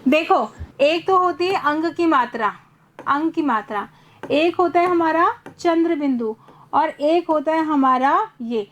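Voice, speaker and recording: Woman teacher, high voice, patient explainer, online lesson on a video call. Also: measured pace, a bit bright, a little hiss or hum. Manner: patient, explains step by step, asks students questions.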